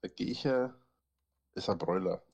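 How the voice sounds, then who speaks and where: Speaking at a moderate pace in a low, darkish voice with a breathy edge, a Franconian-accented man chats in a rambling way. He poses quiz questions about dialect words to listeners and supplies the answers himself.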